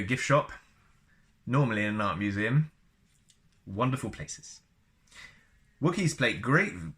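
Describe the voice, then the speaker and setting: Reading a book aloud in a storyteller's style, this man has a mid-range, somewhat bright voice. His delivery is talkative, often wandering off into offhand personal remarks.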